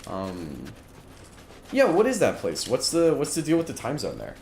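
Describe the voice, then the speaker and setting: A male streamer rants through a live let's-play, exasperated and tripping over restarts. His pitch jumps around a lot, with a roomy echo and a steady noise bed behind him. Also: normal speed. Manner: exasperated ranting, frequent restarts. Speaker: gaming streamer. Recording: echoey room with background noise.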